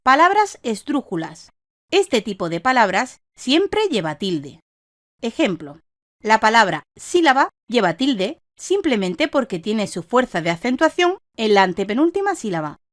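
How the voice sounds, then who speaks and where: A woman reading a scripted instructional lesson in a measured, didactic way, stressing each example word. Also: on the high side, big pitch swings, no echo, studio quality. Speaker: online course narrator.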